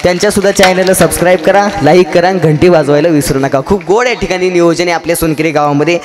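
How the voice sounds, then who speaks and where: A man preaching a devotional kirtan sermon in a festival pandal, building long rhythmic lists that rise to shouts and breaking into chatty asides to the crowd. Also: high-pitched, fast talker, noisy background. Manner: chatty asides to audience and children.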